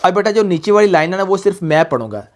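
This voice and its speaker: A man with a high-pitched, expressive voice talks fast while giving a tajweed lesson on Quran recitation. In call-and-repeat drills, he patiently calls the student "son" and stretches out every syllable.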